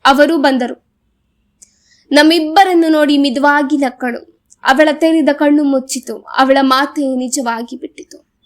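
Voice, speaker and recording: High-voiced woman reading an audiobook. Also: fairly even intonation, unhurried. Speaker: audiobook reader. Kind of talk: scripted narration.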